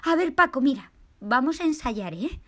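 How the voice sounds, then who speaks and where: A worried, strict mother possum fussing and coaxing her little son, as a woman storyteller voices her. The voice sits high and bright. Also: big pitch swings, moderate pace.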